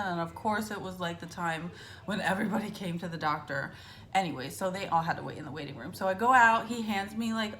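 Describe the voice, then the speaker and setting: A woman's voice: medium pitch, fairly bright tone, a little hiss or hum. Chatty woman telling stories to camera. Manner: chatty, storytelling with lots of fillers and acted-out quotes. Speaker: vlogger. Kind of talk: casual chat to camera.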